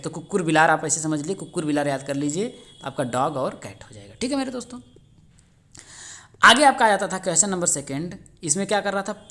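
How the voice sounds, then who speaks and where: A man's voice: a little high, pushed and bright. A male teacher, walking viewers through exam answers and calling them friends. He keeps asking each answer back as a rhetorical question. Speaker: exam-prep teacher on a video channel. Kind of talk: explaining exam answers step by step.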